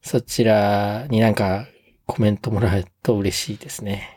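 A man's voice: on the low side, fairly even intonation, moderate pace, darkish tone, husky, no echo, clean studio sound. A man co-hosting a podcast, chatting casually and politely with lots of hesitant fillers. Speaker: podcast co-host.

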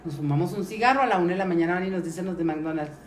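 A woman's voice: on the low side, racing. A middle-aged woman with a Mexican accent, a podcast guest casually telling a story and acting out the voices of the people in it. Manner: lively, acts out the voices of people in her story. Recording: roomy recording with faint noise.

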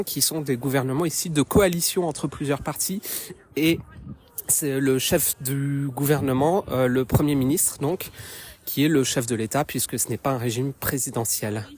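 A slightly high-pitched man from France talks casually as he walks through a small wood outdoors. He hesitates often and fills gaps with filler sounds. He records it as a voice message on his phone. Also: darkish tone. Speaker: podcast contributor. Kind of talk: casual spoken commentary.

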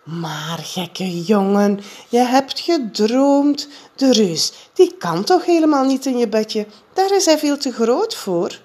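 A woman voicing a gentle mother who soothes her child in a reassuring, lilting voice. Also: mid-range voice, very animated, takes it slowly, breathy edge, pitched above the performer's own voice, heavily acted. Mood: soothing.

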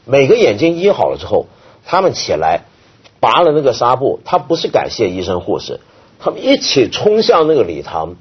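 A man's voice: mid-range voice, moderate pace, breathy edge, highs cut off. A man, a regular panelist, telling a story in a casual panel chat. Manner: lively storytelling.

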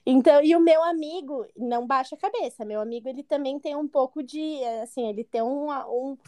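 A woman's voice: high voice, brisk, warm tone. A woman in her twenties candidly telling a personal story in an interview, often acting out what others said. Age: 20s. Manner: candid, acts out quoted voices. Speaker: interview guest.

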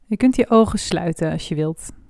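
Calm woman guiding a body scan. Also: fairly low pitch, creaky, no room sound, clean studio sound. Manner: slow, soft and calm with long pauses. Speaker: meditation guide. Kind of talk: guided body scan meditation.

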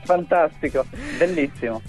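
A man's voice: on the high side, lively intonation, measured pace, darkish tone, soft background music. A man in his twenties, a guest rapper, talking casually on a phone call that is heard over speakerphone, with easygoing, agreeable replies. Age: 20s. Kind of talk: casual chat. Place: remote spot with weak signal.

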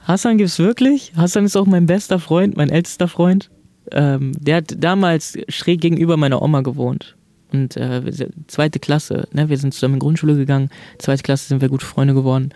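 Young male comic, chatty anecdote teller, laughs a lot, slightly high voice, dead-dry mic. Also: a little fast, dry recording. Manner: lively, laughs often, acts out friends' lines. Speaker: comedian guest. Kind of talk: casual storytelling chat.

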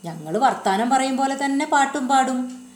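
Lady reading a patient alien kid, high and lively, explaining stuff. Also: moderate pace. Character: gentle alien boy visitor, patient. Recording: roomy echo.

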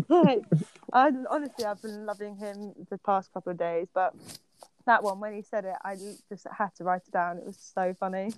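A woman's voice: mid-range voice, normal speed, rough recording. A young woman co-hosting a podcast in casual chat, giggly and gushing with enthusiasm. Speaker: podcast co-host.

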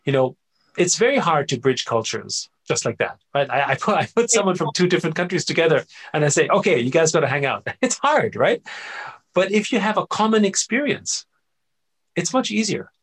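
A middle-aged man from Austria talks as a guest in a relaxed interview. His voice is low-middle, gravelly and a bit husky. He tells stories with plenty of energy and keeps checking in with his listener. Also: fairly quick. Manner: animated storyteller, frequent "right?" and "you know" tags. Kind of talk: casual conversational interview.

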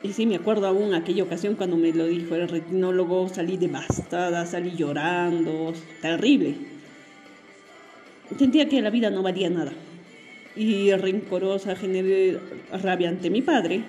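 Woman host, warm and mellow tone, sincere and emotional personal monologue, faint music underneath. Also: fairly low pitch, moderate pace. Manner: earnest, emotional storytelling. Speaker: podcast host.

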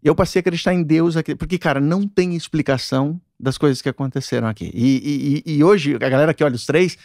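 A man's voice: fairly high pitch, fast talker, gravelly, a little mellow, dry recording, studio quality. A man with a Brazilian Portuguese accent, a company co-founder talking as a podcast guest, rambling and peppering his speech with filler slang. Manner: rambling, fills with "cara". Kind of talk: casual podcast chat.

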